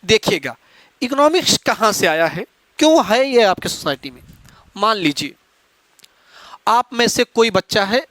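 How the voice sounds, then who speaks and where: A man with a very high speaking voice delivers a classroom lecture for exam students. He explains patiently and keeps asking his students rhetorical questions. The sound is dry and close. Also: sing-song, measured pace, long pauses, a bit bright, no room sound. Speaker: exam-prep teacher.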